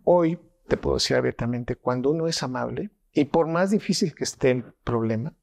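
A man's voice: medium pitch, brisk, gravelly, a little mellow. A middle-aged man with a Mexican Spanish accent, a neuroscientist explaining things with animation and acting out quoted voices. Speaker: neuroscientist guest. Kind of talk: explanatory interview talk.

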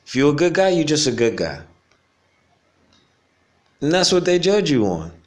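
A man's voice: fairly high pitch, very animated, normal speed. A man, talking casually and reflectively in a slangy, unscripted monologue for his vlog, chuckling often. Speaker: vlogger. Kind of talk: casual stream-of-consciousness monologue. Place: home in the Caribbean.

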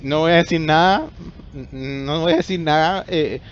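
A man's voice: on the high side, measured pace, highs cut off, noisy background. Jumpy Chilean man playing horror game. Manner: jumpy, nervous, talks to himself. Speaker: gamer.

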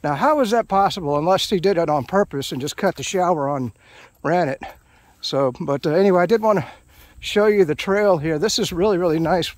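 A man's voice: high-pitched, fairly quick, dry recording. A middle-aged man narrating a hike on camera while walking an outdoor trail, chatting casually with many fillers and restarts. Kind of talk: casual hiking commentary to camera. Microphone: handheld action camera, off-screen narrator.

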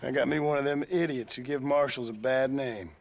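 An actor playing a tough, dry-witted gunslinger in a video game, calm and quietly menacing. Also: male voice, medium pitch, fairly quick, creaky. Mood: stern. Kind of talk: video game cutscene acting.

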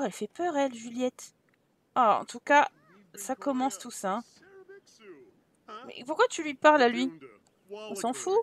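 A woman's voice: sits high, a bit bright, no echo. A woman giving casual, teasing commentary while playing a life-simulation game. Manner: chatty, teasing, exclaims at the game. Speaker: gaming let's-play host.

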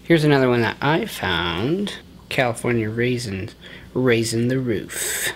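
A man's voice: mid-range voice, animated, a little slow, slight background noise. A young man co-hosting a casual book haul vlog, recorded in a small echoey room. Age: young adult. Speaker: book haul vlogger, co-host. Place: small indoor room at home.

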